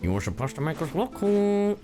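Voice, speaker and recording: Reacting as he plays, a man who streams and works as a professional voice actor delivers casual, joking, sweary commentary. His voice is a little high and very animated at normal speed, and faint game music runs behind him.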